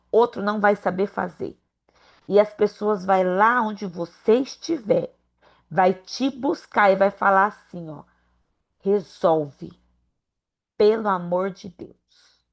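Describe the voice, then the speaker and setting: A woman with a Brazilian accent giving a sermon-style Bible lesson, telling stories in a lively way and acting out other people's words. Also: gravelly. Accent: Brazilian Portuguese. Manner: lively storytelling, acting out quoted voices with big pitch jumps. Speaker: preacher teaching a Bible lesson.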